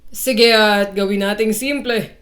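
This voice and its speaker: A woman's voice: mid-range voice, steady tone, a bit bright, lightly acted. Woman voicing a cold, stern rich father. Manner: cold, measured, slow. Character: stern cold wealthy father, older man.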